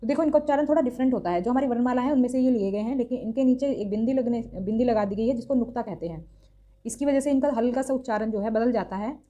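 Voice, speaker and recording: A woman's voice: fairly high pitch, quick pace, warm tone. A young woman teaching an exam-prep grammar lesson, explaining step by step and sounding out letters aloud. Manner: explanatory, repeats sounds aloud, mixes in English terms.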